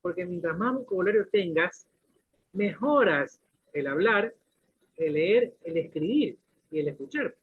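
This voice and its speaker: A man's voice: high-pitched, expressive, normal speed, husky. A man teaching a class, explaining points with questions and everyday examples, often restarting his sentences. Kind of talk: classroom lecture. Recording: lo-fi phone-like recording.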